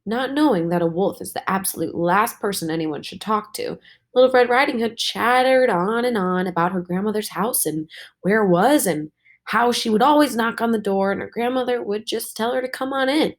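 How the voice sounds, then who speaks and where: A woman teacher reading a storybook aloud to her students, slow and expressive. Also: fairly high pitch.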